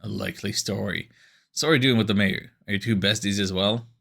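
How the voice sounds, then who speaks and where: A man's voice: fairly low pitch, fairly even intonation, a little fast, creaky, fairly bright tone. A man voicing a stern male police chief with a curt, accusing manner.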